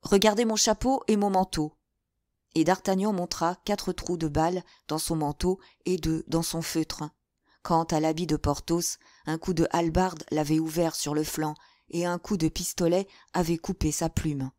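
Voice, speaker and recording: A woman narrating a classic novel as an audiobook, with a measured, even reading. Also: sits low, no echo. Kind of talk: scripted narration.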